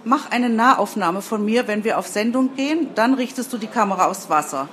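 A woman's voice: on the high side, a bit bright, close to an everyday voice. A woman voicing a bossy, self-important young female TV reporter who orders everyone around. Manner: commanding, brisk, self-important.

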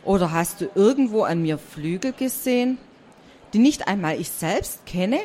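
A woman voicing an excited young male mouse in a storybook read aloud, eager and breathless. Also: mid-range voice, normal speed, lightly acted. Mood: sheepish.

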